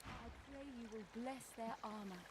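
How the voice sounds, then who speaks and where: A woman's voice: a little high, normal speed, close to an everyday voice. A woman playing an earnest, devout worshipper in a fantasy video game, pleading reverently in prayer. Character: earnest, devout woman praying for loved ones.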